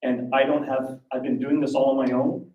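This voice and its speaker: A man who works as an intercultural communication strategist pitches a startup in an earnest, measured way. His voice is mid-pitched. It is heard from a distance in an echoey hall. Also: level tone, narrow, tinny audio, a little hiss or hum.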